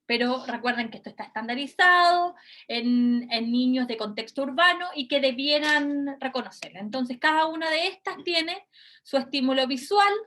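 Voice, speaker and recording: A woman's voice: high-pitched, bright, forceful tone. A woman giving a university lecture, explaining things step by step and often checking in with her listeners. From Chile. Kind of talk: recorded class lecture.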